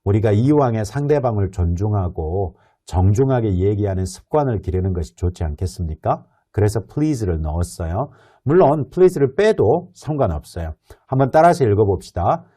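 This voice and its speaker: A man teaching an English lesson, explaining patiently and reading model sentences slowly and clearly for learners to repeat. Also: on the low side, very animated, dark tone. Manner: explains patiently, with rhetorical questions. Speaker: English instructor.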